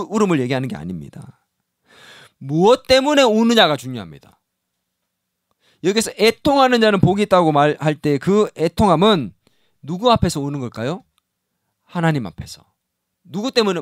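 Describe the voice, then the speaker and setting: A middle-aged man preaching a sermon as pastor in a church, animated and acting out quoted voices. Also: high-pitched, dry recording, clean studio sound. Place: church sanctuary.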